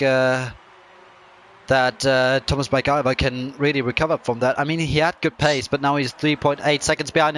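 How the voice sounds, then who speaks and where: A man doing live commentary on a sim racing event, pausing often with ums. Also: medium pitch, fairly bright tone. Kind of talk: live esports race commentary. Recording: clear background noise.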